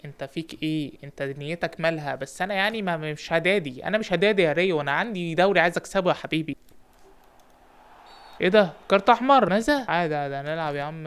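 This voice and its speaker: A young man with an Egyptian Arabic accent, giving lively, animated commentary while playing a football manager game and shouting encouragement at his players. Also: on the high side, smooth. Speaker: gaming YouTuber.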